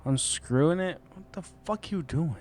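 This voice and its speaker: A man's voice: a little high, normal speed, a little mellow, slight background noise. A young man around eighteen giving casual, slangy reaction commentary with some swearing. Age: young adult, about 18. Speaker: reaction video host.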